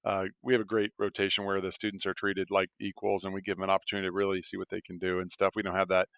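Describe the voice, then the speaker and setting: Fast-talking man with a smooth voice. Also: low voice, monotone, a bit bright, dry recording, dull audio. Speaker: podcast co-host, rural physician. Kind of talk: casual podcast conversation.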